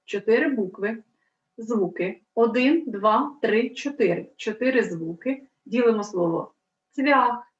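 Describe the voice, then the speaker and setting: A woman teaching a primary school language lesson, slowly and clearly spelling out sounds and counting letters for the children. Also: on the high side. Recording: dull lo-fi sound in an echoey room.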